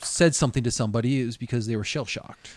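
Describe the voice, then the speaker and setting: A man playing his character in a tabletop game, animated and a little stammering. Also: medium pitch, quick pace. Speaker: player. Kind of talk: in-character tabletop role-play.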